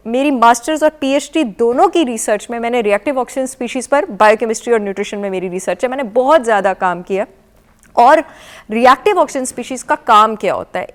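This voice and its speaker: A woman with a Pakistani accent, a nutrition expert guest on a TV morning show, lecturing with emphatic repetition and English phrases mixed in. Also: fairly high pitch. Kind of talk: explanatory talk-show chat. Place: television studio.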